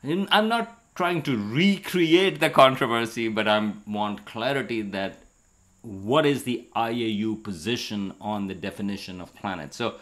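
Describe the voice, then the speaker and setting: Seated at a table in a bright room indoors, a middle-aged man talks casually about science as an astronomy educator and co-host of a show. Someone holds a handheld interview microphone out to him. His voice is on the low side and a bit bright, at a normal speed.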